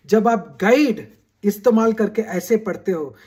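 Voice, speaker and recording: A man's voice: high-pitched, measured pace, a little mellow. A man coaching students in a video lesson, talking straight to them, checking in with "right?" and slipping English phrases into his talk. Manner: mixes English phrases into Hindi. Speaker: study skills coach.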